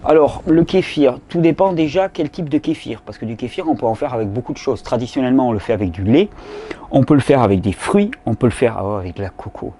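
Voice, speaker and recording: A man's voice: mid-range voice, lively intonation, fast talker, warm tone, a little hiss or hum. A man hosting a casual question-and-answer session, talking loosely with many fillers and repeated words. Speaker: host answering viewer questions. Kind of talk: casual spoken Q&A.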